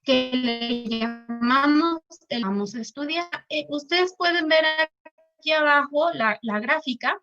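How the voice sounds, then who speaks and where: A woman professor giving an online lecture, halting with many restarts, her audio choppy and robotic from a bad connection. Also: high voice, pushed and bright, soft background music. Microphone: computer mic on a video call. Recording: dull lo-fi online call audio.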